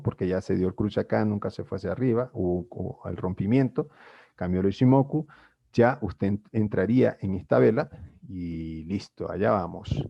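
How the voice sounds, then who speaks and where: Low gravelly man teaching trading. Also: muffled recording. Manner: explanatory, addresses viewers formally, many fillers and restarts. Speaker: trading instructor. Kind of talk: screen-share tutorial.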